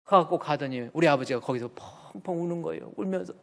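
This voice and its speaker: A male pastor in his fifties giving a folksy, animated sermon, acting out stories from family life. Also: a little high, fast, gravelly. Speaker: senior pastor. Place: church sanctuary. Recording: church hall reverb.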